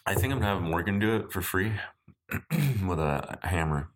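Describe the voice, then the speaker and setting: Low, stuffed-up nasal man. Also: normal speed, a little hiss or hum. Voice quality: stuffed-up, nasal voice from a deviated septum. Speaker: podcast host. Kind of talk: casual podcast chat. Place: at home in an apartment.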